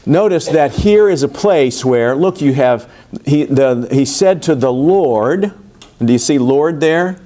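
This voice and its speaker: A man's voice: a little high, lively intonation, slow pace, dark tone. A man, a pastor, teaching a Bible study in an informal, conversational way. He often restarts his sentences and asks the listeners questions.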